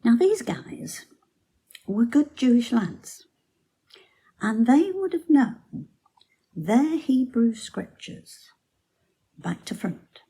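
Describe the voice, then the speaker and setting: A woman giving a Bible teaching talk for her church, telling the story in a deliberate storytelling manner. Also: a little high, sing-song, mellow, slightly rough.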